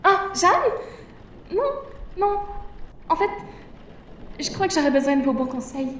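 A woman's voice: high voice, big pitch swings, slow, a little hiss or hum, full character voice. A woman playing a pious, self-righteous teenage boarder who stammers and pleads, in an audio drama. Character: pious prim teenage boarding-school girl. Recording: roomy, distant mic.

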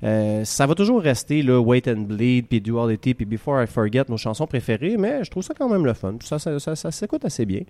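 A man's voice: medium pitch, big pitch swings, fairly quick, few pauses, dark tone, no echo. Quebec guy doing a music bit on radio, jokey, lots of euh, dry close mic. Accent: Quebec French. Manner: jokey, laughs often, many fillers. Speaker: radio host, music columnist. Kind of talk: casual radio chat.

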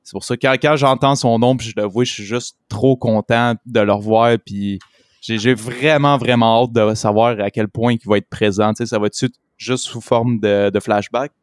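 A man's voice: medium pitch, fairly even intonation, normal speed, dry recording, studio quality. A man in his twenties with a Québécois French accent, co-hosting a casual chat in informal, slangy speech mixed with English words. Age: 20s. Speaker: podcast co-host. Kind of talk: casual chat about a TV series.

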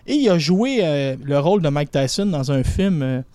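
A man with a Quebec French accent presents a lighthearted countdown on a radio show. His voice sits a bit high yet sounds warm and mellow, and he drags out names for effect. The sound is close and dry. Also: lively intonation, normal speed, no echo. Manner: playful, chatty, stretches out names. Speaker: boxing segment contributor. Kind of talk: casual radio segment, counting down a list.

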